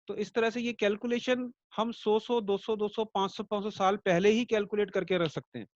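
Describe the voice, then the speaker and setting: High-voiced male astrology teacher, chatty. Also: fairly even intonation, normal speed, no echo, muffled recording. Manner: conversational, with rhetorical check-ins to students; explains by everyday comparisons and light jokes. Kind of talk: online lecture class.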